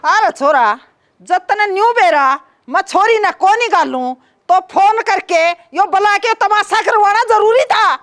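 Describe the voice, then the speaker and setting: A woman's voice: extremely high pitch, animated, a little slow, fairly bright tone, heavily acted. A woman with a Haryanvi accent playing a stubborn, complaining mother-in-law in a village comedy. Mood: indignant. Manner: blunt, complaining. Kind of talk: village comedy sketch acting.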